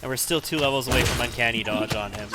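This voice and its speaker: A man's voice: medium pitch, fast talker. A man giving casual, analytical gameplay commentary, sometimes repeating himself as he thinks. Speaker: video game let's player. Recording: faint background noise.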